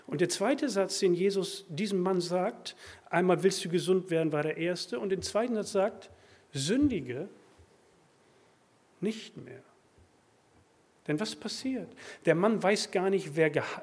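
Husky preacher, raised tenor voice. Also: male voice, sits high. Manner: animated, swinging from loud emphatic bursts to quiet asides. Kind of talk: sermon. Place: church.

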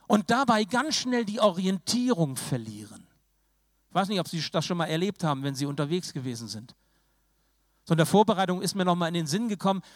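Earnest preaching man, dry close sound. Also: no echo. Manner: earnest preaching, rising then dropping low and soft for emphasis. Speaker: pastor. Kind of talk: sermon.

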